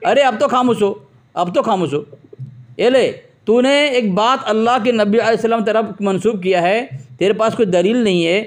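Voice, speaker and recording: A man's voice: high voice, moderate pace. A man arguing on a phone debate, combative, mocking and repeating himself to interrupt. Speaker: debate host on phone call. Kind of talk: heated religious phone debate.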